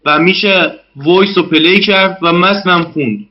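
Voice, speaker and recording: Hesitant man, lo-fi. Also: sits high. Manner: hesitant, many fillers, polite. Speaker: Arabic learner and guest. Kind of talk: casual interview.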